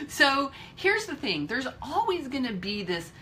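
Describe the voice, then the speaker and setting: Bright-voiced woman in her fifties, candid and emphatic. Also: sits high, very animated, slow, slight background noise. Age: 50s. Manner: candid and emphatic, swears freely. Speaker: vlogger. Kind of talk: motivational talk to viewers.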